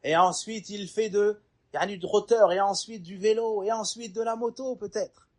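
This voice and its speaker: A middle-aged man preaching a lively sermon, acting out little scenes and asking the crowd questions. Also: high voice, moderate pace.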